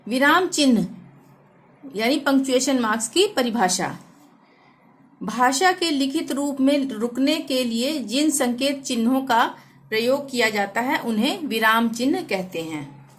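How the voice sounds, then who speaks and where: A woman teaching a Hindi grammar lesson, reading example sentences slowly and deliberately. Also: high voice, expressive.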